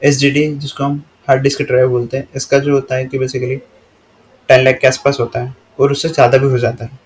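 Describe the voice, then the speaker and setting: With slides in front of him, an Indian man lectures in an even, unvaried mid-range voice. He first reads every English line at a slow pace and then explains it in a steady classroom rhythm.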